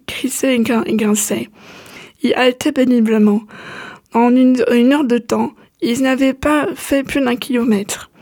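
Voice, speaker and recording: Une femme qui lit un conte à voix haute, sans se presser, avec quelques hésitations et reprises. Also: female voice, a little high, a little mellow. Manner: unhurried reading with small slips and restarts. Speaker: narrator. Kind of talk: reading a tale aloud.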